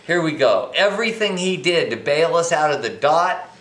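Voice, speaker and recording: A middle-aged American financial commentator goes on a drunken, rambling rant to camera, indignant, emphatic and heavily profane. His voice is a little high and a bit bright, very animated at a moderate pace, and the room sounds echoey.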